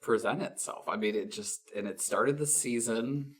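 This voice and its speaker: A woman's voice: rumbling low, normal speed, breathy edge. A woman co-hosting a casual podcast, playful and agreeable, often chiming in with short affirmations. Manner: playful, agreeable, many backchannels. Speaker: podcast co-host. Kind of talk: casual chat.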